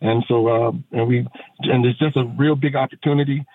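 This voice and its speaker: A man's voice: medium pitch, fairly even intonation, a little fast, no echo. A middle-aged man, a pastor and veteran, talking earnestly on a phone-in radio interview with many fillers and restarts. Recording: tinny phone line.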